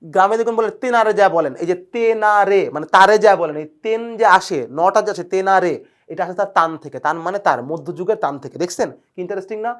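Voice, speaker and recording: A male teacher, giving a recorded exam-prep lecture. He talks eagerly about where words come from and keeps checking whether the students follow. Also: high-pitched. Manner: fast, checks in constantly with "clear, sir?"; enthusiastic about word origins.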